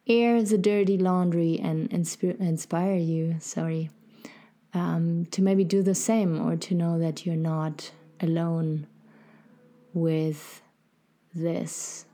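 A woman hosts a guided meditation in a mellow, slightly low voice. She speaks very slowly and softly, with a gentle, soothing manner and little rise or fall. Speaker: podcast host and meditation guide.

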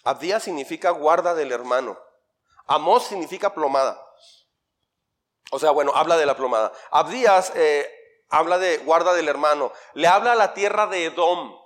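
A middle-aged man with a Mexican Spanish accent teaching the Bible as a pastor, quizzing his congregation and answering himself, loud one moment and quiet the next. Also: a little high, normal speed. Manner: swings between loud emphasis and quiet asides. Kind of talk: interactive Bible teaching sermon.

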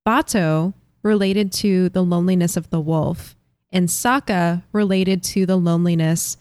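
A woman's voice: lowish voice, steady tone, measured pace, a little mellow, no echo. A woman co-hosting a podcast, talking through story moments in an enthusiastic, reflective way. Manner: thoughtful, enthusiastic, laughs often. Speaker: podcast co-host. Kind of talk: casual chat, reflective commentary.

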